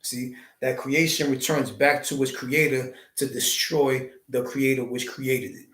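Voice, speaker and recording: A man's voice: mid-range voice, flat delivery, a little slow, fairly bright tone. Preachy man musing in a roomy echo. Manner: preachy, wordplay, rhetorical questions. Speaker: live stream host. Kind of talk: spiritual monologue.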